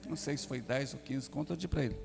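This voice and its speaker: A man's voice: medium pitch, fast talker, gravelly. A man preaching in a church, telling a personal story and acting out what each person said. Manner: folksy storytelling with acted dialogue. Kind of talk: sermon testimony. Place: church sanctuary. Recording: reverberant church hall with music.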